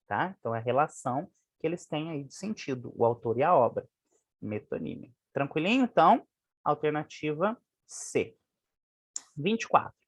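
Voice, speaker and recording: Lively low-voiced Brazilian woman teaching. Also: breathy edge, no room sound, clean studio sound. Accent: Brazilian Portuguese. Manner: chatty, keeps checking in with listeners. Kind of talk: exam answer walkthrough lesson.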